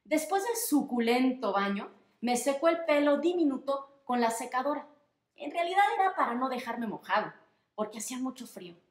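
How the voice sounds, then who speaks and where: A woman with a Mexican accent, reading her own story aloud in a lively, expressive way. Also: high voice, moderate pace. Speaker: storyteller and author. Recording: echoey room.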